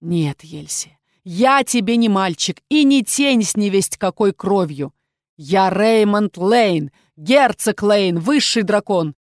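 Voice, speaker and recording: A woman voicing a proud, defiant male dragon duke in an audiobook, speaking slowly and deliberately. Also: mid-range voice, expressive, dry recording, clean studio sound.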